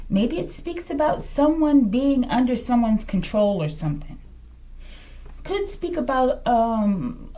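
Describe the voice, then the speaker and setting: Hosting an improvised tarot reading, a woman thinks aloud in short fragments, murmuring to herself and often closing phrases with a questioning "okay?". Her voice is a little high and warm, and there's a bit of hiss or hum.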